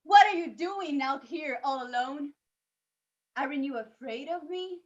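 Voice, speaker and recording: Woman voicing a slow, taunting, menacing beast. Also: high voice, animated, dull audio. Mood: mocking. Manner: mocking, slow, insinuating. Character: taunting, menacing beast, a talking pig's head. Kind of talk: theatrical stage monologue.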